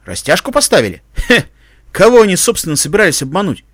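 A man voicing a gruff, angry male alicorn hunter commander who barks scornful orders. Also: high-pitched, sing-song, fast talker, a bit bright, dry recording, studio quality, full character voice. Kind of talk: audiobook fan fiction reading.

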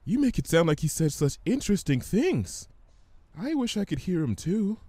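A man voicing a shy, gentle young pony mare in an audiobook reading, soft and hesitant. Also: sits high, big pitch swings, moderate pace, slightly rough, no room sound, pitched above the performer's own voice, exaggerated voice. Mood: timid. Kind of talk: fan fiction audiobook reading.

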